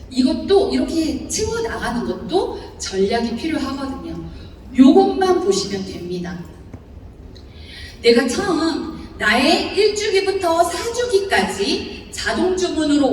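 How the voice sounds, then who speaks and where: A seminar speaker from Seocheon, South Chungcheong, Korea, with a Chungcheong Korean accent, explains a bonus chart to about 800 people in a large lecture hall. Her high-pitched voice swings widely as she laughs often, stays lively, and quizzes the audience, at a measured pace. Recorded from far off, the sound is echoey with a long echo on every word and slight background noise.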